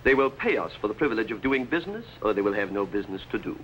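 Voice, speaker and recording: A man's voice: lowish voice, big pitch swings, rapid-fire, fairly bright tone. An actor playing a haughty, scheming King of England, speaking formally and imperiously in 1950s television drama style. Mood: haughty, menacing. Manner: imperious, formal royal speech. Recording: faintly noisy old TV soundtrack.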